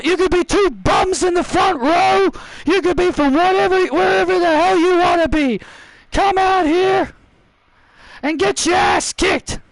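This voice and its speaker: A cocky, shouting wrestler hurls boasts and insults at the crowd, put on by a man. The voice sits very high and goes up further when he yells. The sound is dry and close. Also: dry recording, rough recording. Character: brash loud male wrestler cutting a promo.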